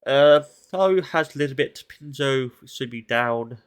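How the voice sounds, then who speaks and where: Slightly slow and clean in tone, this mid-range male voice belongs to a man stuffed up with hay fever. Alone, he offers relaxed, analytical commentary over a recorded esports match, reasoning out loud.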